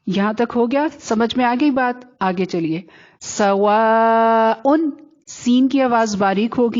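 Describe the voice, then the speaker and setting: A woman teaching Quran recitation rules who explains patiently, checks that her students follow, and slowly chants the example words. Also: fairly high pitch, a little mellow, highs cut off.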